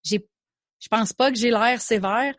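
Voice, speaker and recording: A young adult woman with a Québécois French accent chats casually as a podcast interview guest, candid and talkative, dropping in English words and restarting sentences. Her voice is a little high and unhurried, with no echo.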